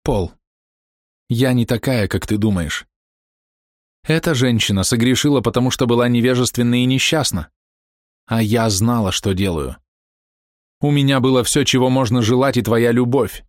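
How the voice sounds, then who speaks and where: A man's voice: mid-range voice, normal speed, pauses often, dry recording, studio quality, pitched above the performer's own voice, close to an everyday voice. A man voicing a remorseful young wife who confesses her adultery in an anguished, pleading way. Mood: confessing. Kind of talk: audiobook character voice.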